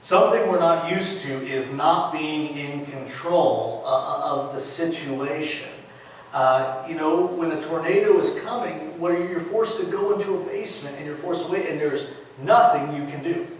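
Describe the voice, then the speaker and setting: A male pastor preaching, telling a story with lively acted-out dialogue. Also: on the high side, normal speed, a little hiss or hum. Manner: animated storyteller, acts out phone calls. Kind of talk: sermon. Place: church sanctuary. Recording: echoey church from a distant mic.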